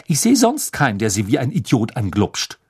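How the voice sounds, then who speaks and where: A man's voice: mid-range voice, big pitch swings, a little fast, breathy edge. A man voicing a clever, bossy teenage girl who speaks curtly and sharply. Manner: curt, sharp delivery.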